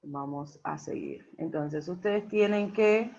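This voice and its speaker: A woman's voice: low-pitched, slow, creaky, darkish tone. A woman teacher explains a worksheet patiently, checking in often with the class. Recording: dull lo-fi recording.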